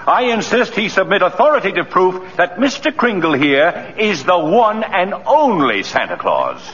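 An actor playing an insistent, exasperated prosecutor with a pompous, formal manner in a 1940s radio drama. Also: male voice, high voice, huge pitch swings, normal speed, a bit bright, a little hiss or hum, exaggerated voice. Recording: dull old radio recording, hall reverb.

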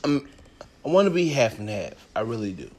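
A man's voice: medium pitch, very animated, a little fast, slight background noise. A man in his thirties on a casual podcast roundtable, hesitant with many fillers and blunt slang. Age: 30s. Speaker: podcast guest.

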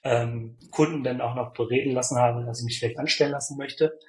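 A man's voice: mid-range voice, fairly even intonation, a little fast, low-quality recording. A man from Berlin, a guest on a podcast, answering questions hesitantly with many fillers and restarts. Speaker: podcast guest, software developer. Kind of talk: interview answers.

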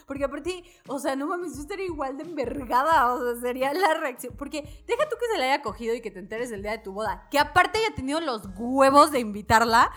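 A young woman with a Mexican accent, co-hosting a podcast and recapping a film in slangy, animated casual talk. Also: high-pitched, quick pace, hardly any pauses. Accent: Mexican Spanish. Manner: slangy, animated, acts out quotes. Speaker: podcast co-host.

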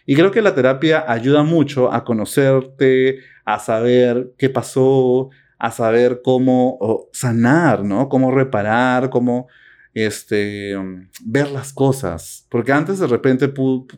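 Un hombre con acento peruano que, como copresentador, habla de forma reflexiva y bromista en una charla casual, con muchas muletillas. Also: male voice, mid-range voice, takes it slowly, a little mellow. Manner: reflective, teasing, with many fillers. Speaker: podcast co-host. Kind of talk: casual conversation.

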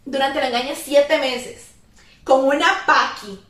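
A woman's voice: sits high, steady tone, measured pace, a bit bright. A young Costa Rican woman chatting casually on a podcast, laughing often and mixing English slang into her talk. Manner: laughing, Spanish-English code-switching slang. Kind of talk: casual chat. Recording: echoey room, far from mic.

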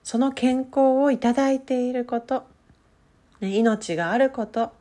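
A woman coach leading a guided breathing meditation in a soothing, gentle manner with drawn-out instructions. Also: fairly high pitch.

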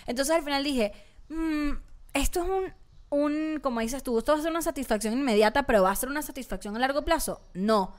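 A woman co-hosting a casual chat, telling candid stories in an animated way. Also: sits high, brisk. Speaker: podcast co-host.

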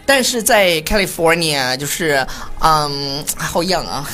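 A man's voice: on the high side, lively intonation, takes it slowly, bright, forceful tone, faint music behind, exaggerated voice. A man putting on a cutesy young sister persona, co-hosting a playful podcast lesson with sweet sentence-final particles. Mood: chatty. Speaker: co-host.

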